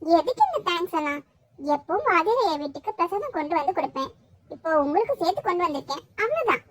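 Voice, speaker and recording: A shy young village woman in a cartoon, voiced very high by a woman. She speaks softly and hesitantly, polite to a fault. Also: sing-song, quick pace, dry recording. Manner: hesitant, soft-spoken. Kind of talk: cartoon voice acting.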